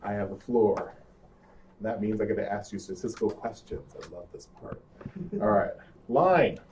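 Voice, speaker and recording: A man's voice: lowish voice, normal speed, darkish tone, a little hiss or hum. A man presenting in a seminar, playfully quizzing his audience during an interactive lecture. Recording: distant muffled room recording.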